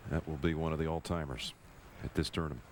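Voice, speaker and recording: A man anchoring live golf commentary on television, with measured, storytelling phrasing. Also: extremely low pitch, level tone. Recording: VHS broadcast with crowd and noise.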